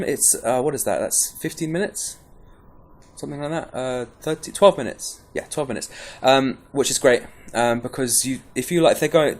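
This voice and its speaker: A man giving a casual, rambling gameplay tutorial, chatty and full of restarts. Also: mid-range voice. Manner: caffeinated, pepped up. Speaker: game guide presenter.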